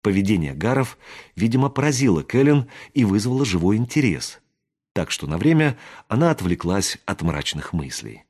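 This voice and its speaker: A man reading a fantasy novel aloud as an audiobook narrator, expressive and doing voices for the characters. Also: lowish voice, moderate pace, slightly rough. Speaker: audiobook reader.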